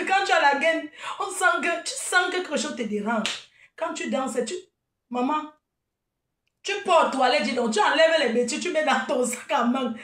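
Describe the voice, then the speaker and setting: Combative woman, high and mocking, recorded off-mic in an echoey room. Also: distant mic. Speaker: event promoter. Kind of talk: live video rant.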